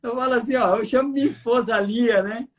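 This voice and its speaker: A man with a Brazilian Portuguese accent, an army colonel who trains leaders, answering interview questions in a lively storytelling way, acting out dialogue and laughing. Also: very high-pitched, brisk.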